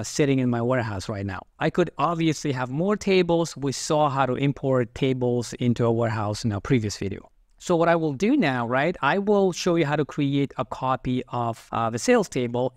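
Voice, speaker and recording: A man narrating a screen-recorded software tutorial, explaining each step calmly and methodically as he types. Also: medium pitch, no echo, clean studio sound. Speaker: software instructor.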